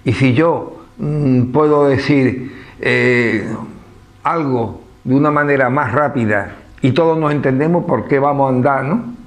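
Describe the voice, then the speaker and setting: A man with an Andalusian accent giving an informal public talk, conversational and full of rhetorical questions. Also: medium pitch. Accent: Andalusian Spanish. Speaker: speaker at a book presentation.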